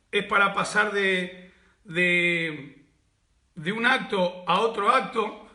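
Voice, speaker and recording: Bright, high-voiced man preaching in an echoey room. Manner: reflective, repeats key words, asks rhetorical questions. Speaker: pastor. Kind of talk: sermon.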